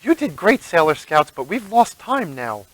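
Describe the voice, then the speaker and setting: A man's voice: sits high, big pitch swings, normal speed, fairly bright tone, pitched above the performer's own voice, full character voice, rough recording. A man voicing a stern female talking cat who mentors young heroines. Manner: stern, urgent.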